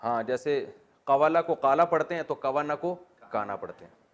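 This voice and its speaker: A man's voice: on the high side, lively intonation, lo-fi sound. A man teaching a Quran exegesis class, explaining Arabic grammar and putting questions to his students with joking asides.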